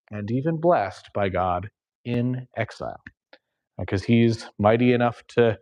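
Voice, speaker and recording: A man's voice: medium pitch, darkish tone. A man leading a church Bible study, reading scripture aloud, stumbling over hard names, then explaining it in a casual, chatty way. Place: church classroom.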